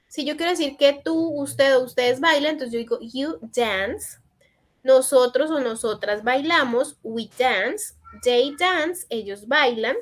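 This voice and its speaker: A woman teaching an online English class in Spanish, reading out student answers and gently correcting them. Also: high-pitched, measured pace. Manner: encouraging corrections in a patient teacherly tone. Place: online session.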